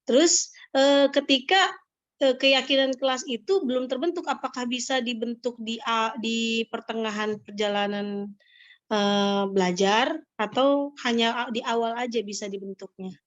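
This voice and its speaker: A woman's voice: fairly high pitch, steady tone, unhurried, no room sound. A woman teacher asking a question on a video call, her voice choppy and breaking up in glitches as she hesitates and cuts off words. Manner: hesitant, with fillers and cut-off words. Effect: choppy, breaking-up call audio. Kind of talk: online meeting discussion. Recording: dull lo-fi video call audio.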